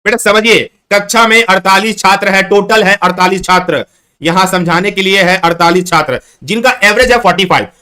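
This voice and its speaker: A man's voice: sits high, a little fast, pushed and bright, clear, resonant tone. A man teaching a live online exam-prep class, repeating questions and coaxing his students to answer. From Chhattisgarh, India.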